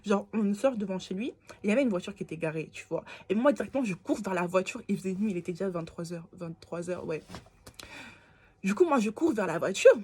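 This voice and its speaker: A young woman from France telling a personal story to camera in casual slang, animated and sometimes dropping to a whisper. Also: medium pitch, a little fast, slightly rough. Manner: animated, slangy, acts out quoted lines, drops to whispers. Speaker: storytime vlogger.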